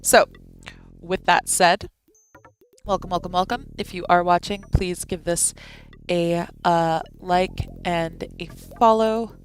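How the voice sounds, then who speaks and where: A woman's voice: lowish voice, steady tone, slow pace. A young woman who sounds sleep-deprived, streaming a game with casual commentary, reading aloud and adding wry, playful asides. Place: indoor room. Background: game music.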